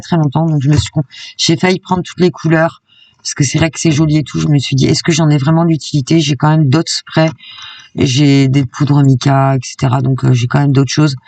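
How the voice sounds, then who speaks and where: Gravelly-voiced woman chatting through a haul. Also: sits low, a little mellow, no echo, far from the mic. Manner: chatty and enthusiastic, peppered with "hein". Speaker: craft YouTuber. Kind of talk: casual shopping haul vlog.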